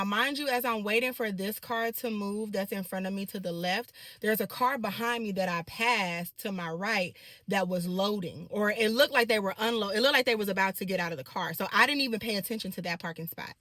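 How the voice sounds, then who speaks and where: Animated bright-voiced woman telling a story. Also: mid-range voice, moderate pace, no room sound, clean studio sound. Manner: animated, direct address to the audience. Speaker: vlogger telling a personal story. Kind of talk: casual storytime monologue to viewers.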